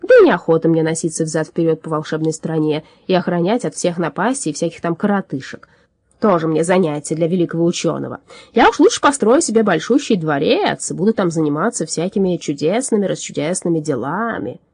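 A woman's voice: fairly low pitch, lively intonation, brisk, slightly rough, dry recording, clean studio sound. A woman playing a grumpy, boastful old hunchback alchemist. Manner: shouting, bragging and scornful. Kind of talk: audiobook character voice.

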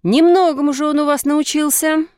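A woman voicing a practical mother who teases and scolds her son briskly. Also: high-pitched, steady tone, a little mellow, no room sound, studio quality, pitched above the performer's own voice, natural voice. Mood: scolding. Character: practical, teasing mother of a boy.

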